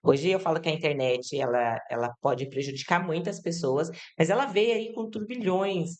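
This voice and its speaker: A woman with a somewhat low voice leads a casual interview, addressing listeners directly. She talks in a chatty, explanatory way and keeps checking in with little tag questions. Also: normal speed, darkish tone. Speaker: podcast host. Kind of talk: conversational interview.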